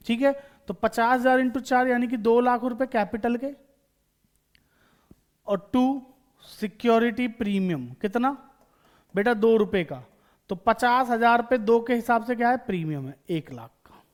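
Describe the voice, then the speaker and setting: A man teaching accountancy in a lecture, explaining each step and asking and answering his own questions to the students. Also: high voice. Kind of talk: classroom lecture.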